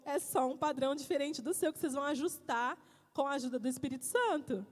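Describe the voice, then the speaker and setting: A woman preaching a church sermon on marriage, animated and laughing as she tells stories. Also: high-pitched, fast. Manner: animated, storytelling, laughs often. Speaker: pastor's wife preaching. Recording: church hall reverb.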